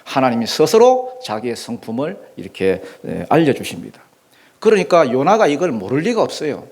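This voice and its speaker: Male pastor preaching, lively swooping intonation, rhetorical questions to the pews, brief. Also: medium pitch, moderate pace. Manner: animated, rhetorical questions to the congregation. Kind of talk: sermon. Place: church.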